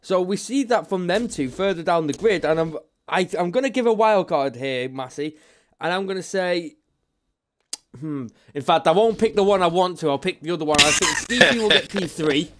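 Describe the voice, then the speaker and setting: A man's voice: high-pitched, animated, normal speed, a bit bright, slight background noise. A man commentating a sim-racing league broadcast live, chatty and upbeat, running through the grid.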